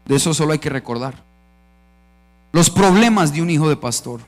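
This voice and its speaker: A man's voice: fairly high pitch, lively intonation, moderate pace. A man with a Colombian Spanish accent preaching a conference sermon, emphatic and calling on the audience to answer back. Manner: emphatic, calls for audience responses. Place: church conference stage.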